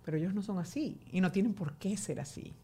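Animated woman telling family stories. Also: medium pitch, fast talker, husky. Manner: animated, self-mocking, quotes family in acted asides. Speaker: guest journalist. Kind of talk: candid conversational interview. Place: home pantry.

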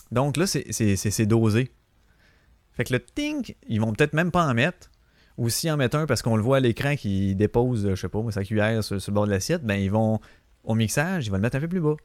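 A man's voice: mid-range voice, lively intonation, brisk, a little mellow, no echo. A man with a Quebec French accent hosting a podcast, telling stories in a rambling, slangy way and swearing freely. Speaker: podcast host. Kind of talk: casual storytelling monologue.

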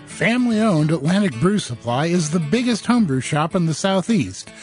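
A man reading a sponsor ad for a shop in a brisk sales-pitch delivery. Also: big pitch swings, music in the background. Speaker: ad announcer. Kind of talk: read advertisement.

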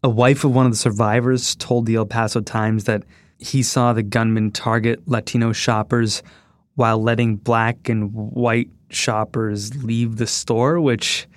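A man hosting a news podcast, asking questions in a conversational way. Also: medium pitch. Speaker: podcast host.

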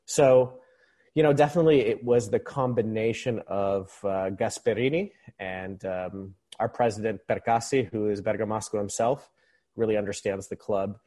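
A Filipino man in his thirties, a football supporters' club member guesting on a podcast, chats casually about sports. His lowish voice is mellow and steady, moving at normal speed in a relaxed commentary style.

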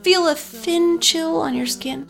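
An actress playing a smooth, sinister corporate woman hosting a radio show in an audio drama, coolly persuasive, with faint music behind her. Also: very high-pitched, slow, fairly bright tone, full character voice. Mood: silky menace.

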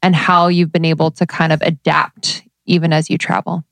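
Woman co-host, lowish voice, easygoing curious interviewer, dry mic. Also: little pitch movement, moderate pace, gravelly, no echo. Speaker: podcast co-host. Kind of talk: casual interview chat.

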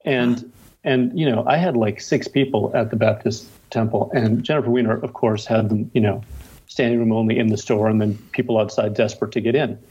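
As a guest in a casual interview, a middle-aged male novelist shares stories with wry self-deprecation. He speaks a little fast in a lowish, warm, husky voice with fairly even intonation, though the recording is muffled.

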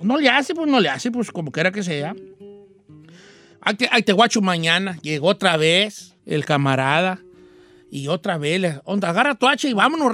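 A man's voice: high voice, a bit bright. A man with a Mexican accent playing a folksy old rancher who hosts a radio show and tells a rambling, slangy joke, acting out voices and axe sounds.

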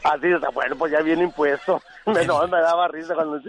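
A man's voice: fairly high pitch, fairly even intonation, brisk, a bit bright. A man from Aguascalientes calling in, rambling and hesitant with many fillers. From Aguascalientes, Mexico. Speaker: caller. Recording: dull lo-fi phone line.

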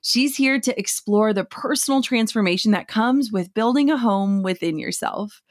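A woman's voice: mid-range voice, no echo. Woman podcast host, enthusiastic, effusive, dry studio sound. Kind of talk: podcast interview.

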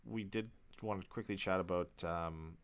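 A man's voice: sits low, normal speed. A man co-hosting a sports podcast, casually chatting and rattling off player statistics. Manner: rattles off stats, loose and chatty. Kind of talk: casual chat.

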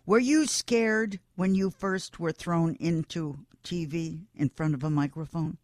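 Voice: mid-range voice, measured pace, no room sound, studio quality. An older interviewer chatting casually, with blunt, teasing questions. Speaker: interviewer, former TV anchor.

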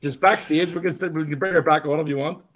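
Playful Northern Irish co-host. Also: male voice, fairly high pitch, steady tone, a little fast, fairly bright tone. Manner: teasing, playful questions. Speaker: podcast co-host. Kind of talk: casual sports chat.

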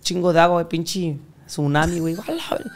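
A man's voice: on the high side, a little fast. A young Mexican man with a Mexican accent, telling a crude, slang-filled story in casual chat. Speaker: podcast guest telling his story.

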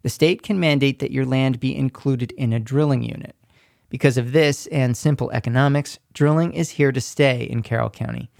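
A man narrating a scripted radio feature report in a measured, descriptive way. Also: mid-range voice, creaky, darkish tone, no echo, clean studio sound.

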